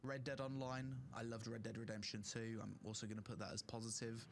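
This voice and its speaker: A man's voice: mid-range voice, little pitch movement, brisk, slight background noise. A young man streaming, giving casual opinionated rankings of online games with fillers, his throat strained from talking. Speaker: gaming streamer. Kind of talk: casual tier-list commentary.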